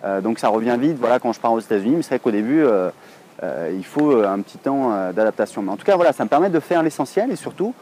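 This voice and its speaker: A French man in his thirties talks straight to camera in a loose, rambling vlog, filling pauses with hesitations as he goes. His voice is mellow and soft-edged, at an ordinary pitch for a man. Faint urban street noise sits behind him outdoors. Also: sing-song. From France. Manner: chatty, rambling, many hesitations. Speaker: online English teacher, blogger.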